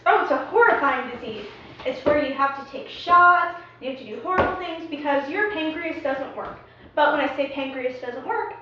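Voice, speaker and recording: A woman's voice: sits high, fairly bright tone, slight background noise. A young woman in a casual student video skit, explaining in a chatty, playful way. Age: young adult. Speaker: student presenter. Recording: echoey room, far from a dull mic.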